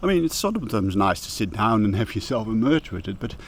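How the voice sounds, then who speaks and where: Slightly winded from climbing a hill, this middle-aged man vlogs for his audio YouTube channel in a loose, rambling way full of fillers and restarts. His lowish voice has a sing-song lilt and a fairly quick pace, with a faint hiss or hum in the recording.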